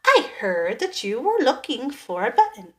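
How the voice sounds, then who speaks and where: A woman's voice: sits high, big pitch swings, normal speed, a bit bright. A woman doing a polite storybook raccoon. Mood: friendly. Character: friendly raccoon, male.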